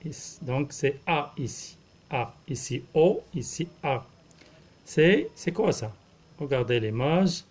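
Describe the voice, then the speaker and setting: A man, a primary school teacher slowly explaining a lesson, repeating words and spelling out letters. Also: fairly high pitch, animated, darkish tone. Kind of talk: slow classroom explanation.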